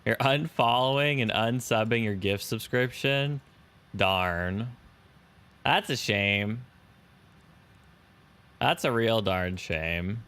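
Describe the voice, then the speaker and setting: A young man live-streams a flight simulator, chatting casually with viewers and thanking subscribers as he flies. His voice is fairly low, slow and a bit bright, with a clean tone and frequent pauses.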